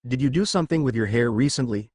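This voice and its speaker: A man's voice: mid-range voice, lively intonation, quick pace, darkish tone, no room sound, natural voice. A man doing a blunt, caring teen ninja. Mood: earnest. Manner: dry and frank.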